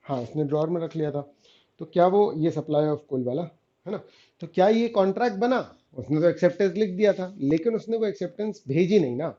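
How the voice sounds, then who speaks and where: A man's voice: high-pitched, a little fast, dark tone, highs cut off. A man teaching a revision lecture, often stopping to ask the students whether they follow and calling them beta and guys.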